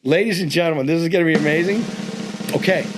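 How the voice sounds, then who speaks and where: A man's voice: a little high, fast talker, noisy background. A man hosting a casual talk show, playful and hyping up a guessing segment. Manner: playful, hypes up a game segment. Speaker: host.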